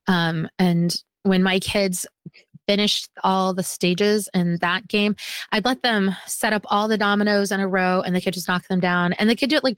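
A woman's voice: mid-range voice, a bit bright, no room sound. A homeschooling mother in her forties chatting casually, talkative and self-deprecating, laughing at herself. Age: 40s. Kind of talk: casual podcast chat.

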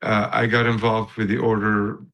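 A man's voice: on the low side, completely flat delivery, normal speed, fairly bright tone, low-quality recording. A man in his fifties from Lebanon, a guest in a casual interview, speaking unhurriedly with many fillers and restarts. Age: 50s.

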